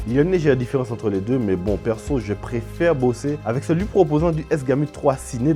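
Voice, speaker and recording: Male tutorial host, animated delivery, warm mellow tone, faint music under. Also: medium pitch. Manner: chatty, informal, addresses viewer directly. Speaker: video creator teaching camera settings. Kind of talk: casual tutorial.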